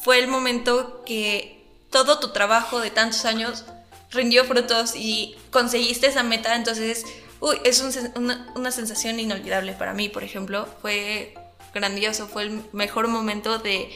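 A Mexican woman speaks as an interview guest, earnest and animated as she tells her story. Her voice sits a little high and sounds bright and clear. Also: normal speed, soft background music. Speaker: interview guest, pageant winner. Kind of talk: casual interview answers.

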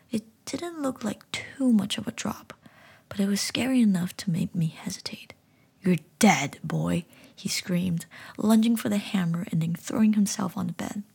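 A woman's voice: mid-range voice, creaky, darkish tone, husky. A woman narrating a first-person horror story entirely in a whisper. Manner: whispering throughout.

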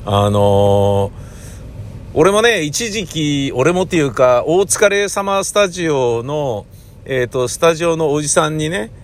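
A man's voice: a little high, expressive, unhurried. A middle-aged man hosting a casual solo talk, rambling with many fillers and acting out quoted remarks. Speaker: podcast host.

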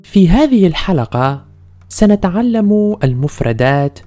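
Slow, measured man speaking formal Standard Arabic. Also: high-pitched, very animated, warm tone, soft background music. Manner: careful, deliberate enunciation in formal Standard Arabic. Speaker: podcast host and language teacher. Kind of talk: scripted language-lesson narration, Arabic and English.

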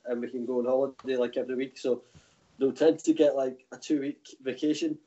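A man's voice: medium pitch, steady tone, brisk, mellow, dull audio. A man from the Glasgow area with a broad Glaswegian accent, telling anecdotes in loose, colloquial, rambling chat. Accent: broad Glaswegian Scottish. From Glasgow area, Scotland. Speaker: guest, tour operator. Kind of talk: casual chat.

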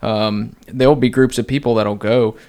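A man's voice: mid-range voice, steady tone, moderate pace, dark tone, smooth. A man hosting a casual podcast interview, laid-back and rambling with many fillers. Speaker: podcast host.

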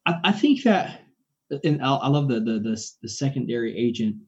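A man in his forties talks about faith with preacherly enthusiasm, doubling back on his words as his point gathers steam. His voice is mellow and warm, at a middling pitch. The recording sounds a little dull and lo-fi. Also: very animated, normal speed. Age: 40s. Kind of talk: casual faith conversation.

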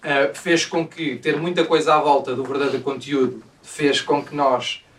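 A man's voice: fairly high pitch, little pitch movement, a bit bright. Hesitant young Portuguese man, off-mic. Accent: European Portuguese. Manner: hesitant, halting with fillers. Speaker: podcast co-host. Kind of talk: casual chat among friends. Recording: distant mic with light noise.

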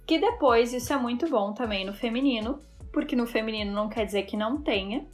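A woman guest in a casual interview, telling lively stories and laughing as she talks. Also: a little high, a little fast, soft background music. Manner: chatty storyteller, laughs while talking. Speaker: guest, fashion designer.

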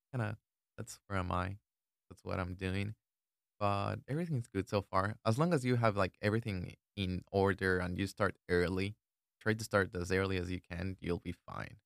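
A man's voice: sits low, a little slow, creaky, clear, resonant tone, dry recording, clean studio sound. A young man, chatting in a laid-back, thoughtful way as a student guest. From Ecuador. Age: 20s. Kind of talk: casual chat.

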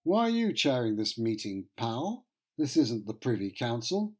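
A man's voice: medium pitch, big pitch swings, unhurried, a little mellow, breathy edge. A man voicing a blunt, haughty nobleman in a spoken history narration, speaking offhandedly. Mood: challenging.

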